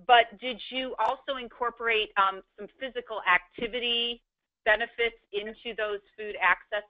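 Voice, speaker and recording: A woman's voice: on the high side, no room sound. A woman hosting a webinar Q&A, chatty and conversational, with frequent ums. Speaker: webinar moderator. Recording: dull, muffled web call audio.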